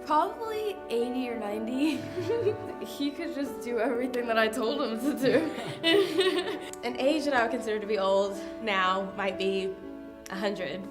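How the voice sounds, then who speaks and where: A woman's voice: fairly high pitch, animated, unhurried. A young woman answering interview questions casually with frequent laughs. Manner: laughing, upbeat. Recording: music under the voice.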